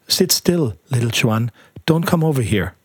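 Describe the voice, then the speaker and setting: A man reading aloud, voicing an anxious mother who speaks softly and urgently to her sick son. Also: medium pitch, measured pace, husky, dry recording, clean studio sound. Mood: urgent, gentle. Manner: soft, hushed and urgent.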